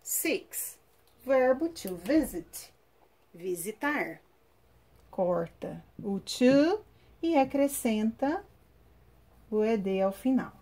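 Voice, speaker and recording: A woman teacher with a Brazilian Portuguese accent giving a recorded online class, spelling out grammar rules slowly and step by step. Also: a little high, lively intonation, dark tone. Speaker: English teacher.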